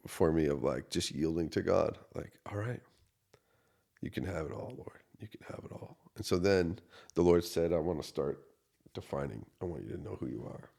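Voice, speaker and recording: A man in his thirties, a pastor, earnestly telling a personal story in a podcast interview, going from quiet to loud. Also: low-pitched, gravelly. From United States. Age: 30s. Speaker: associate pastor.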